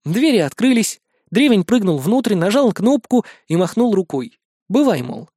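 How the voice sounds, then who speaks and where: A man's voice: high voice, big pitch swings, normal speed, warm tone, dry recording, clean studio sound. A man narrating an audiobook in the first person, wry and conversational.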